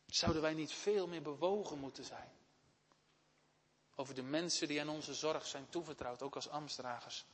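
A man Urk, preaching an earnest sermon that swells into loud, impassioned appeals to the congregation. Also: on the high side, normal speed, husky. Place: church. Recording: long church reverb.

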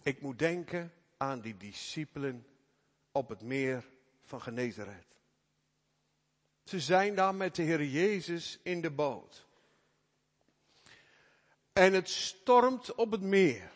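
Preacher in an echoing hall. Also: male voice, lively intonation, slow pace, long pauses. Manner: emphatic, swings between soft low asides and loud raised calls. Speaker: pastor. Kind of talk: sermon. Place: church. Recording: reverberant church hall.

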